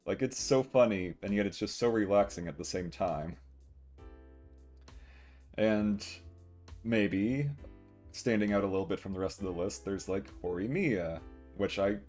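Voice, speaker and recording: A man's voice: on the low side, animated, normal speed, darkish tone. A young adult man livestreaming, chatting casually and rambling to viewers with occasional acted-out quotes. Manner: rambling, chuckling, acts out short quotes. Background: guitar music.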